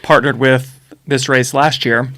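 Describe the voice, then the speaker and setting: A man's voice: medium pitch, little pitch movement, unhurried, a bit bright. A man race director hosting a casual podcast from an office, easygoing and joking, sometimes correcting himself mid-sentence.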